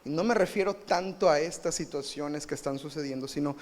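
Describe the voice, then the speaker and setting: A man with a Mexican Spanish accent preaching a live sermon, animated and emphatic, often asking the congregation questions. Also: on the high side, a little fast. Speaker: pastor. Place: church sanctuary. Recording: live church recording with long reverb.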